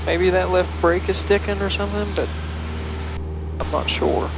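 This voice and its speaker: Inside the cockpit of a small propeller plane in flight, a middle-aged man instructs a student in a relaxed way over the pilot intercom. He speaks at a moderate pace in a high voice, recorded through an aviation headset boom mic, and engine noise comes through clearly.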